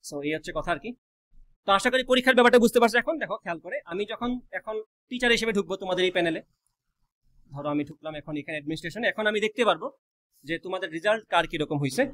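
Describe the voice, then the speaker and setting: A young man with a colloquial Sylheti-tinged Bengali accent, giving a blunt, rapid-fire orientation lecture as a coaching teacher, mixing in English words. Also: high-pitched, a bit bright. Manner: rapid-fire, says he always talks fast.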